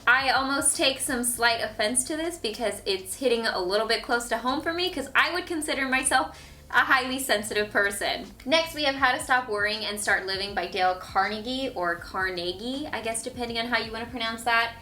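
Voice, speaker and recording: A woman's voice: fairly high pitch, a little fast, bright, forceful tone. A young woman vlogger talking casually to camera about books she has read, often saying "like". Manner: chatty, frequent "like" fillers.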